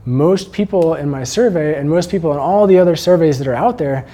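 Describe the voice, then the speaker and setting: Calm, earnest man teaching slowly. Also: on the high side. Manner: calm, earnest, slows and softens for emphasis. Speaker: sex educator. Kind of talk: instructional talk.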